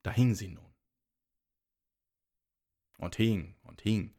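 A man telling a fairy tale in a lively, expressive storytelling manner. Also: fairly low pitch, slow.

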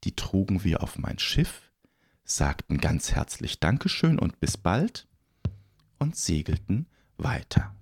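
Animated low-voiced male pirate storyteller. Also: slow, gravelly, husky. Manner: animated, theatrical, swinging between whispers and calls. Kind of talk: children's story told as a pirate captain.

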